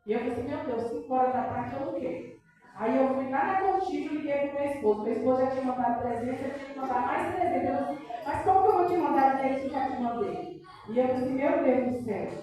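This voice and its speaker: A middle-aged Brazilian woman tells her testimony with fervent emotion and often breaks in with praise. Her voice is high but mellow. It rings through a very echoey church hall, heard from a distance. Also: quick pace. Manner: emotional, peppered with praise interjections. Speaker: church member giving testimony.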